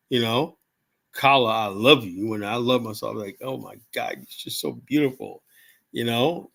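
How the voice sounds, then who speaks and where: A man's voice: mid-range voice, fairly bright tone. A man in his seventies talking casually on a livestream, rambling and blunt, swearing freely and tagging lines with "you know?". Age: 70s. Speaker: livestream host. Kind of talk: casual live-stream monologue.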